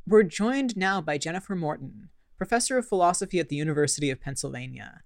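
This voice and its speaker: A woman co-hosting a radio talk show, introducing the guest and asking clear, probing questions. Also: low voice, expressive, fast, no room sound, studio quality. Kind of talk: radio interview conversation.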